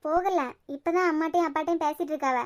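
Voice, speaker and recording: A woman's voice: very high voice, fairly even intonation, racing, dry recording, clean studio sound. A woman with a Kanyakumari Tamil accent voicing emotional cartoon serial dialogue. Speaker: cartoon voice artist.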